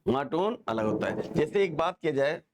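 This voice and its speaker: A male teacher giving a lively, joking classroom lesson, quizzing students and having them repeat words. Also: on the high side, fairly quick, noisy background.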